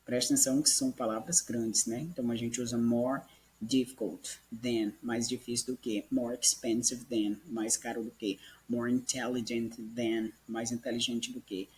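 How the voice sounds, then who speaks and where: A man's voice: medium pitch, level tone, normal speed, darkish tone. A man teaching English grammar in a recorded lesson, patiently repeating examples and checking in with listeners.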